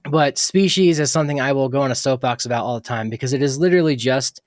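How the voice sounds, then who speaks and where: Young adult male podcast host, mid-pitched, dry close mic, rambling and chatty, lots of filler words. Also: fast talker, no echo. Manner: rambling, tangent-prone, many fillers. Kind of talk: casual solo podcast talk.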